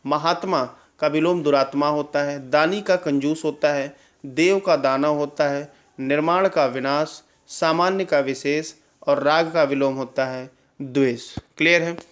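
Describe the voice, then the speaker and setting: Male exam tutor, slightly high voice, drilling style with constant check-ins. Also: fairly even intonation, measured pace. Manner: drills answers with repeated questions and "clear?" checks. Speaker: exam-prep teacher. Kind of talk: Hindi spelling lesson.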